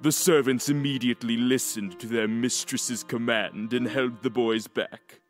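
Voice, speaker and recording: A man narrates a first-person fantasy audiobook at a middle pitch. He is expressive and slips into smug asides. A long reverb hangs on his voice, with faint music behind. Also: unhurried.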